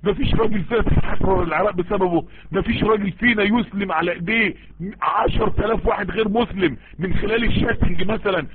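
A man preaching with an Egyptian accent, with a husky voice, pleading with his listeners and repeating his appeals over and over. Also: high-pitched, noisy background. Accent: Egyptian Arabic. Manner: pleading, repetitive, emotional. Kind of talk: impassioned online sermon. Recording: tinny phone-like voice-chat audio.

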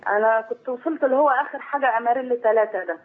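A woman's voice: fairly high pitch, rapid-fire. A woman in her forties with an Egyptian accent, calling in by phone, rambling and repeating herself with worry. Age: 40s. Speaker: caller. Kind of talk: call-in phone conversation. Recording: tinny phone line.

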